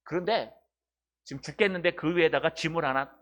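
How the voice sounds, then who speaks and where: A man's voice: on the high side, a little fast, background noise. A male pastor preaching a sermon in a church, telling the story dramatically and explaining Greek words.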